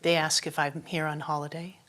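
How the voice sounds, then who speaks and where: A middle-aged or older woman with an American accent, talking candidly in a measured, thoughtful way. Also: deep voice, little pitch movement, fairly bright tone. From United States. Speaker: elocution student. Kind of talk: candid conversation.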